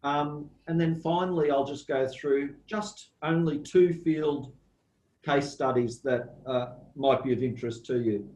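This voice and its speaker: A man with an Australian accent giving a slow, measured guest lecture over a video call, pausing often with ums. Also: fairly high pitch, fairly even intonation, darkish tone, roomy sound, a little hiss or hum, rough recording. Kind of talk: online academic lecture.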